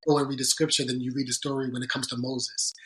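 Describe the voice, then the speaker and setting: Speaking with little pitch movement at a medium pitch, this man has a slightly bright voice. He is a podcast interviewee recounting his years as a sports agent, earnest and reflective, halting and frequently starting his sentences over.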